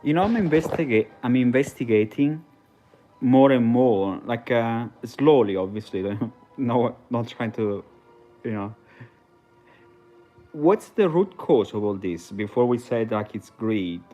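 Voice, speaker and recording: A man's voice: medium pitch, animated, unhurried, dark tone, muffled recording, faint music behind. A man from Italy, talking casually on a livestream in a hesitant, rambling way full of fillers and restarts. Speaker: livestream host.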